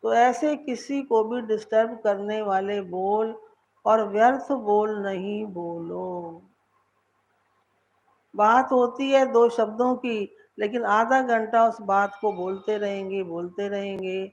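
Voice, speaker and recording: Woman, spiritual teacher, devotional lecture, very slow delivery, dull lo-fi sound. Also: mid-range voice, fairly even intonation. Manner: repeats words for emphasis, asks the listeners questions.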